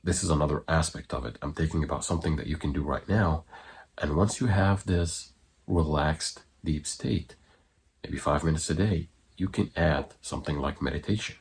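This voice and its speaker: A man coaching viewers through an exercise in an informal, halting way, in short phrases. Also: very deep voice, vocal fry, breathy edge. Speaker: breathwork coach giving online guidance. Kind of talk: instructional talk to viewers.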